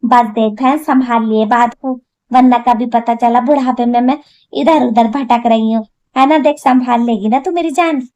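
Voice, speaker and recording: A woman's voice: a little high, lightly acted. Woman voicing a scheming old witch mother-in-law. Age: older. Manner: wheedling, conspiratorial. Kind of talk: cartoon voice acting.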